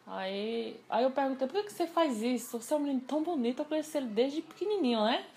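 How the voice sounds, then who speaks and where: A woman telling a personal story in a casual interview, animated and acting out the dialogue she quotes. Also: sits high, fast, a little hiss or hum.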